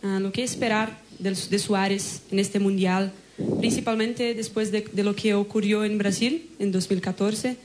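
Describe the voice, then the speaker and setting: A woman's voice: medium pitch, fairly even intonation, unhurried, background noise. A woman with a Brazilian Portuguese accent, a TV journalist asking a press conference question hesitantly in a non-native language.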